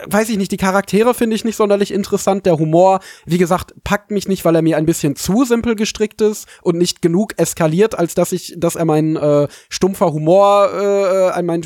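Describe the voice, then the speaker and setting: Male podcast co-host, high voice, dry mic, hesitant reflective chat. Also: darkish tone, dry recording. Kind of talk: casual chat.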